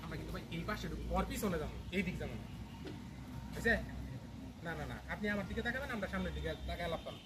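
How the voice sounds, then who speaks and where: A man directing actors on an outdoor film set, giving brisk cues and instructions. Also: sits high, lively intonation, heavy background noise.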